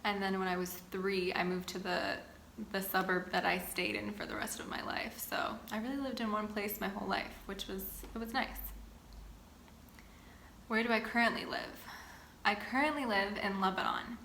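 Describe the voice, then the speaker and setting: A woman's voice: mid-range voice, steady tone, moderate pace, creaky, a bit bright. A woman in her twenties from the Boston area, chatting casually as she reads out questions and answers them at length for her vlog. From Boston area, United States. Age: 20s. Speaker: vlogger. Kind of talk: sit-down get-to-know-me chat. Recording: echoey room with faint ambient noise.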